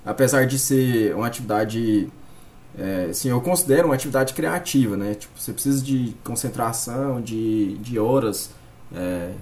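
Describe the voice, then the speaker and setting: A man with a Brazilian accent discussing casually, halting often and peppering his explanations with tag words. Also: medium pitch, darkish tone. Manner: halting, filler-heavy explaining with frequent "né" and "tipo". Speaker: podcast guest. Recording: faint background noise.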